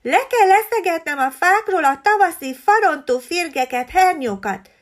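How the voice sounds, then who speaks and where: A woman voicing a small, kind and modest sparrow in a storybook reading, answering in quick chirpy lines. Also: very high-pitched, lively intonation, pitched above the performer's own voice. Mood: busy.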